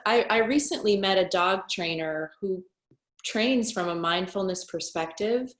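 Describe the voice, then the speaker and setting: A woman's voice: mid-range voice, unhurried, a bit bright. A woman taking part in a group class, earnestly sharing what she learned. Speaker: class participant. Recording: roomy echo.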